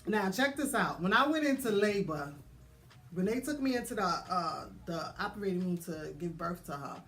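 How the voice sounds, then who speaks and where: A mother telling her birth story in a casual, animated way, acting out voices. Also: on the low side, normal speed. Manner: animated, laughing, acts out voices.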